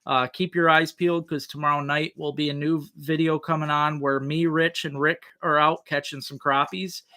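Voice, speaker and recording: A man's voice: on the high side, level tone, normal speed, pushed and bright. A man hosting a livestream, chatting casually with viewers in a folksy, rambling way. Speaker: livestream host.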